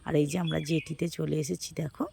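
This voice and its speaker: A hoarse woman from West Bengal narrating her casual vlog outdoors, chatting with viewers as friends. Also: low-pitched, little pitch movement, brisk, warm tone, slight background noise. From West Bengal, India. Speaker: vlogger.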